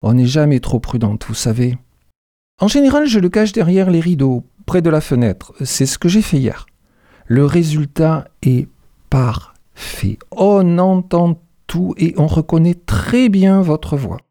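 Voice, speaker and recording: A man reading aloud voices a cold, scheming female executive who taunts her rival in smug, deliberate tones. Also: on the high side, lively intonation, mellow, no room sound, clean studio sound. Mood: taunting.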